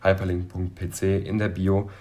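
Young man with a very low voice. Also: normal speed. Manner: relaxed, organized, with hesitant fillers. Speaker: podcast co-host. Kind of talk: casual chat.

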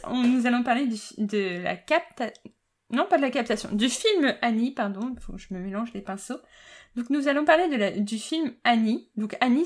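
A woman with a fairly high voice hosts a relaxed podcast chat. She stumbles over words, corrects herself on the fly and laughs often. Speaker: podcast host.

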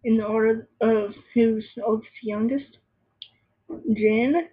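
A woman's voice: on the high side, fairly even intonation, slow, husky. A young woman rambling and teasing a friend in casual chat at home, on a dull lo-fi recording. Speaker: vlogger.

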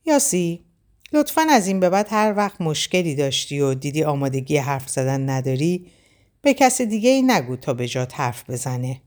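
A woman voicing a gentle, devoted young man in a storybook reading, speaking in soft, reassuring lines. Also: deep voice, expressive. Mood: tender.

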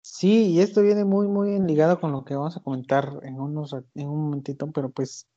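Mexican man, podcast host, relaxed chatty delivery, slightly raised pitch. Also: brisk. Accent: Mexican Spanish. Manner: chatty, hesitant fillers, laughs often. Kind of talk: casual chat. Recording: lo-fi recording.

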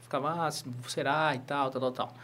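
Brisk and a little high-pitched, a Brazilian guest in his thirties, who practices law and teaches jiu-jitsu, recounts stories in relaxed interview chat. He's animated and drops frequent "né?" tags.

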